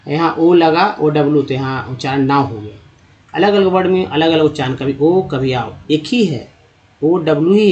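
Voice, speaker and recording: A man teaching English reading in a phonics lesson, spelling out letters and sounding out each word part slowly. His voice sits a little high. The recording is dull and lo-fi. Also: a little mellow. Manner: addresses viewers as friends. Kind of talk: spoken Hindi phonics lesson.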